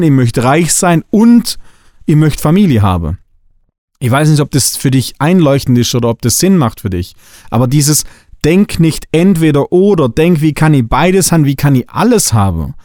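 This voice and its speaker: Hosting a spiritual coaching podcast monologue, a middle-aged Swabian man speaks at normal speed in a fairly high, warm voice with lively intonation. His manner is blunt and emphatic, and the studio audio is clean and echo-free.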